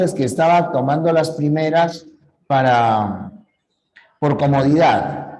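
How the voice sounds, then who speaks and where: A man's voice: on the high side, a little mellow, poor audio. A man teaching a grammar lesson, explaining patiently and repeating key points, correcting himself when he slips. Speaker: language teacher. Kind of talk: slow classroom lecture.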